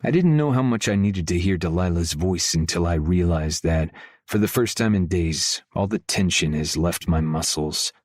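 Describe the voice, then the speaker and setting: A man reading a first-person romance audiobook in a low, intimate, measured way, close to the mic. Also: lively intonation, no echo. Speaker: audiobook narrator.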